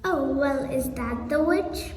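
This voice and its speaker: A young woman in a school play voicing a kindly good witch, gentle and a little muddled, with a reassuring way of speaking. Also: high voice, slow. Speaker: school skit actor. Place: school stage. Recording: echoey hall from far off.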